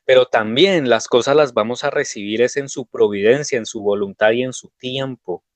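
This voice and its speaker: A man's voice: mid-range voice, moderate pace, no room sound. Man preaching, dry close sound. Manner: conversational, anecdotal storytelling. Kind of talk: devotional sermon with personal stories.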